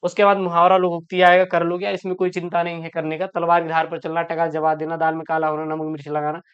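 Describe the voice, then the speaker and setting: A woman's voice: fairly low pitch, flat delivery, clean tone, muffled recording. A woman teaching an online exam-prep lesson. She calls her students "beta", reads each question aloud, often repeats it, then answers it. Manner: addresses students as "beta", quick and explanatory.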